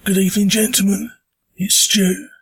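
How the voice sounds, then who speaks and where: Male, Essex accent, hoarse and husky, slightly higher register, informal voice message. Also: little pitch movement, moderate pace. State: hoarse from a sore throat. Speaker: listener leaving a voice message. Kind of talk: informal recorded congratulatory message.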